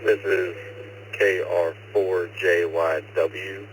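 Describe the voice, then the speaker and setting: A man with a fairly low voice checks in casually on a ham radio net. His manner is folksy and wry. The mobile two-way radio link has a light layer of noise. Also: level tone, slow pace.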